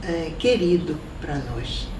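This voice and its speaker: An older woman from Salvador, recalling her family in an oral history interview at an unhurried pace. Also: sits low, expressive, far from the mic. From Salvador, Brazil. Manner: reminiscing, unhurried, with soft laughs. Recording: echoey room, voice from off mic, faint noise.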